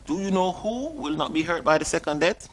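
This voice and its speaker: A middle-aged man preaching a sermon and reading scripture at a desk, earnest and questioning, lifting his pitch on stressed words. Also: animated, fairly quick. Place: small indoor studio at a desk.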